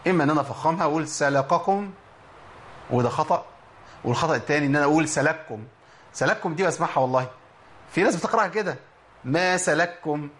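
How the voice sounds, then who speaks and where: A man with an Egyptian accent teaching Quran recitation in a lively lesson, quizzing listeners and slowly sounding out letters. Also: fairly high pitch. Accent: Egyptian Arabic. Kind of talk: spoken tajweed lesson.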